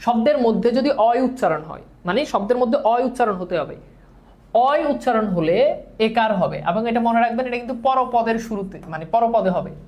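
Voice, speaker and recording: A woman's voice: a little high, lively intonation, brisk, a little mellow. Woman teacher leading call-and-repeat drills. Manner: mixes English words into speech; self-correcting and patient. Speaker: Bangla grammar teacher. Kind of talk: classroom lecture at a whiteboard.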